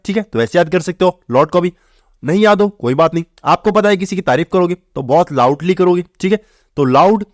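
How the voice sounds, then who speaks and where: A man's voice: high voice, no echo, studio quality. A man teaching English vocabulary for exam prep in a chatty way, often saying the words are very easy. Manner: chatty, repeats "theek hai" and "bahut easy hai".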